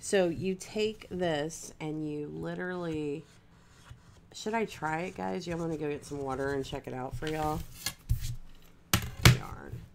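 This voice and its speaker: A woman's voice: low-pitched, a little slow, gravelly, pauses often, darkish tone, a little hiss or hum. A woman livestreaming while she crafts, chatting casually and rambling to her viewers with lots of fillers.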